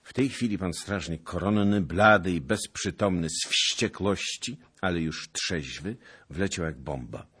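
Deep, husky male audiobook narrator. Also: measured pace. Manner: expressive, theatrical. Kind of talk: dramatic literary narration.

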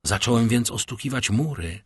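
A man's voice: medium pitch, expressive, normal speed, breathy edge, dry recording, studio quality. A man doing a fawning old prison doorkeeper. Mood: eager. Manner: servile and deferential. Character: humble, eager, talkative old prison doorkeeper.

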